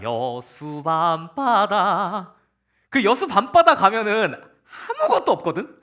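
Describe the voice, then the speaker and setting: A young man, a youth pastor, giving a casual, animated sermon to teenagers and acting out the psalmist's words. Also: very high-pitched. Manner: talks to teens informally, calls them kids.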